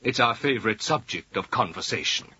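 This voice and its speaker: A man speaking slowly and carefully in a scripted language-course dialogue. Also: lowish voice, expressive, pushed and bright. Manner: slow, careful, clearly spaced delivery. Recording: dull lo-fi audio.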